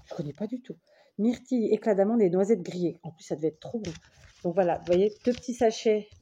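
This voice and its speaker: A woman's voice: mid-range voice, brisk, warm tone, husky, dull audio. A woman from France chatting casually to camera while showing a parcel of craft paper, thinking aloud and saying again and again how much she loves each piece. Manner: enthusiastic, keeps saying she loves things; thinks aloud, restarts and trails off. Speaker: vlogger showing mail she received. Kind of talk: casual unboxing chat to camera.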